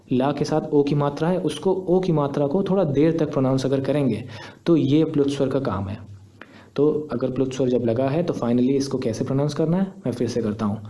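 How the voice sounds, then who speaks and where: A man's voice: mid-range voice, mellow. A young man, patiently explaining step by step in a screen tutorial. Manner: patient, step-by-step, repeats points. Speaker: teacher.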